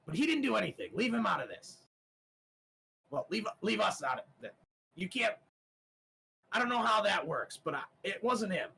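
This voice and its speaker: Man doing a high frantic shadow spirit. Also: sing-song, moderate pace, gravelly, long pauses, sharp tone, husky, full character voice, low-quality recording. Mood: defensive. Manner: frantic, protesting. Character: panicked male shadow spirit.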